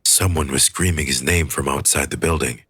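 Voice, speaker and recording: A man reading an audiobook in a measured, expressive storytelling manner. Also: very deep voice, slightly rough, dry recording, clean studio sound. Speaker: audiobook reader. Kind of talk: scripted audiobook narration.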